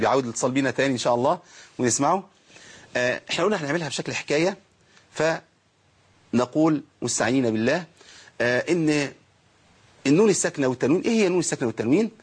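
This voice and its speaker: Egyptian man, rapid and slightly husky, teaching an online class and answering his own questions. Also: mid-range voice, expressive. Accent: Egyptian Arabic. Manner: asks questions and answers them himself. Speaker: Quran recitation teacher. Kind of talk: online lesson.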